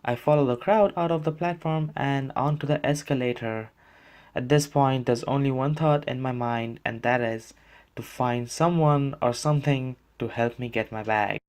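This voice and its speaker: A male travel vlogger from India tells the story of his own bad day with dry, self-mocking humor. He sounds worn out and exasperated, and his voice keeps a moderate, middling pitch. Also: normal speed, clear, resonant tone. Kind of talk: vlog narration and commentary.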